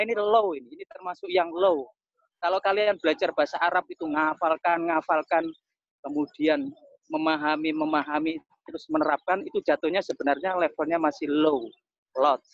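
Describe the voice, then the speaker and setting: A man's voice: a little high, vocal fry, dry recording. A man lecturing over a webinar in a casual, chatty way, repeating his phrases as he explains. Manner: conversational, repeats phrases, chatty with local asides. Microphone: video call. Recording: slightly dull, dry online audio.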